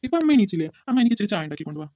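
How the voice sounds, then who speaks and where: In a cartoon, a woman voices an earnest adult son who pleads and argues rapidly with his mother while defending his sick wife. Her mid-range voice is very animated with a dark tone, on a dull, lo-fi recording.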